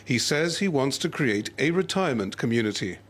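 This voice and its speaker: A male correspondent narrates a scripted news report in clear, even voice-over. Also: medium pitch, a little fast.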